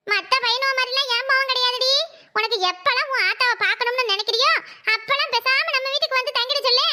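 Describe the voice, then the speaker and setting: A woman voicing a bossy, scheming middle-aged female in-law in a cartoon, with a shrill, taunting voice and a Kanyakumari Tamil accent. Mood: scolding.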